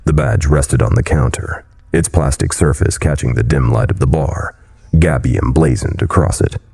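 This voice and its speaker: A man reading a horror story aloud in a measured, somber scripted narration. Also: rumbling low, gravelly, dark tone, husky.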